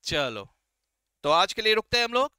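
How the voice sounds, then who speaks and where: High, bright-voiced male accounting teacher. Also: sing-song, normal speed, clear, resonant tone, no echo. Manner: checks in constantly with "right?" and "okay?"; friendly, encouraging, calls students "beta" and "sir". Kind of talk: classroom lecture mixing Hindi and English.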